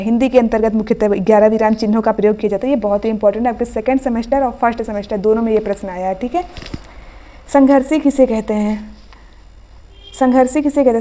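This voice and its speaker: Woman teacher quizzing through a hindi revision class, highish voice, soft mellow tone. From India. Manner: quizzing, asks then answers each question. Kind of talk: exam revision lesson.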